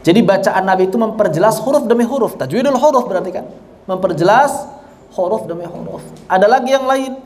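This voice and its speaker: A man teaching an online tajwid lesson, explaining slowly and deliberately with repetition. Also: high voice, expressive, darkish tone. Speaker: Quran recitation teacher.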